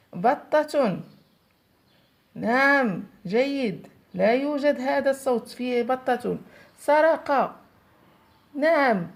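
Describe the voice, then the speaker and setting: A woman leads a phonics lesson for small children in a fairly high voice. She speaks very slowly, drawing each word out clearly and stopping often to praise the class. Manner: slow, drawn-out word modelling with frequent praise. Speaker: primary school teacher.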